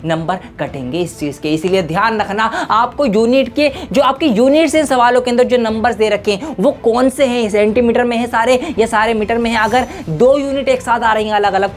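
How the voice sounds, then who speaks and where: A woman teacher speaking with some English, giving students emphatic warnings about exam mistakes. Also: mid-range voice. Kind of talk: exam tips lesson.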